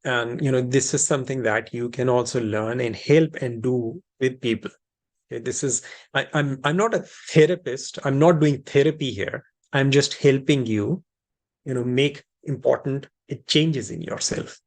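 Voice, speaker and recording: A man with or as his language leads an informal group session as a hypnosis practitioner. He explains things reassuringly, often repeating and rephrasing his key phrases, at a middling pitch. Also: normal speed. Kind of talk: informal teaching and question session, switching between two languages.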